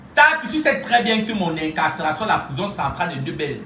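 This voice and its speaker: A woman's voice: fairly low pitch, big pitch swings, fast talker. Taunting, laughing woman. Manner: taunting, laughing, chanting insults, bursts of shouting. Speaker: social media streamer. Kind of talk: mocking live rant. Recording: echoey room, voice far from mic, faint hiss.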